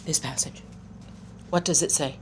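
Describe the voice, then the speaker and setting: A woman's voice: deep voice, fairly even intonation, moderate pace, slight background noise, lightly acted. A woman playing a stern, commanding old village mage woman in an audio drama.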